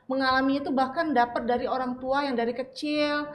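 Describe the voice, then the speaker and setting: Woman host, high voice, casual, conversational, keeps turning to her guest. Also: steady tone, a little fast. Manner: chatty, addresses the doctor often. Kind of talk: casual interview talk.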